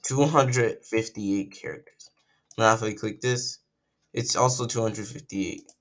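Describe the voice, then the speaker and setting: Thinking aloud and correcting himself, a freshly woken young man with a croaky voice talks through a casual coding tutorial at his computer. His voice is lowish with a fairly bright tone, and he takes his time.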